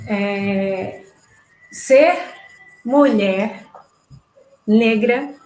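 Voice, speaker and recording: A woman with a Brazilian accent giving a reflective interview answer, pausing deliberately between short phrases. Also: mid-range voice, fairly bright tone. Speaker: interview guest, teacher and coordinator. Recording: roomy echo, some background noise.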